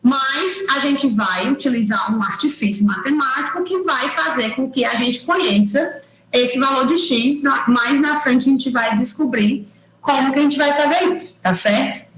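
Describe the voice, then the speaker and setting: A woman lecturer giving an online engineering class, explaining step by step and checking in with quick tag questions. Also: high voice, lively intonation, echoey room, noisy background. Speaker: university lecturer. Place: room at home or office, recorded over a digital platform. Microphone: computer mic on a video call.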